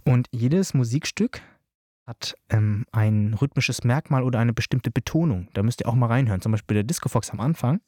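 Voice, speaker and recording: A man's voice: mid-range voice, normal speed, dark tone, no echo, studio quality. A man explaining dance music in a chatty, informal tutorial, talking straight to his listeners with many fillers. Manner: chatty, filler-heavy, addresses listeners directly. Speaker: dance teacher.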